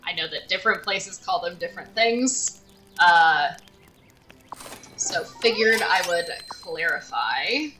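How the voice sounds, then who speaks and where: Slow, bright-voiced woman streamer. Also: fairly low pitch, expressive, slight background noise. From United States. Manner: chatty, thinking aloud, talking to chat. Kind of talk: casual live-stream commentary while gaming.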